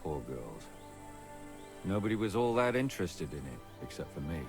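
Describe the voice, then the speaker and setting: A hungover older scribe from a video game, grumbling and bitter, with a low, gravelly-leaning pitch. He sounds worn down and mocked, warning others off in a weary tone. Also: very animated, normal speed, a little mellow, soft background music. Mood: grim.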